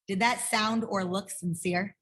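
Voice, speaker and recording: A woman's voice: mid-range voice, steady tone, a little slow, fairly bright tone. Woman, martial arts instructor, kids' workshop, upbeat, encouraging, video call. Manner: upbeat, encouraging, asks the class questions. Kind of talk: teaching a kids' life-skills workshop.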